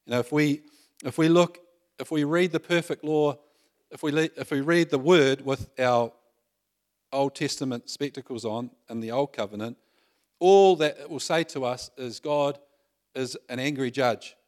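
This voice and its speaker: A man's voice: mid-range voice, normal speed. A middle-aged male pastor giving a conversational sermon, full of rhetorical tag questions and self-deprecating humor.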